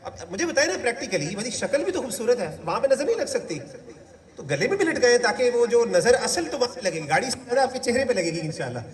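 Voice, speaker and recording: A man's voice: very high voice, fast. A man from Pakistan giving a motivational religious talk as guest speaker, telling stories with asides and jokes. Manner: animated storytelling with asides and jokes. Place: university hall. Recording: distant mic in reverberant hall.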